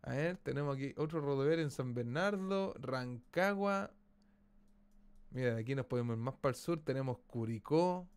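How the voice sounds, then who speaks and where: A man with a Chilean accent giving live gameplay commentary as a streamer, excitable, exclaiming and swearing casually. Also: mid-range voice, moderate pace, smooth.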